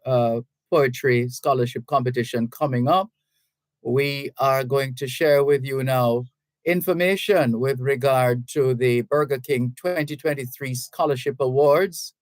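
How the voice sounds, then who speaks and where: A man with a Jamaican accent hosting a radio talk show, speaking in a measured, courteous way with small hesitations. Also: medium pitch, dry recording. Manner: measured, courteous, a little halting. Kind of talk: radio interview.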